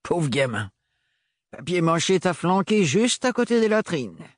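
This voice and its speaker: A man's voice: sits high, very animated, a little slow, dry recording, studio quality, pitched above the performer's own voice, heavily acted. A man doing a sly, jovial redheaded servant. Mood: jovial teasing. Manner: chummy, teasing, slangy. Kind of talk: audiobook character voice.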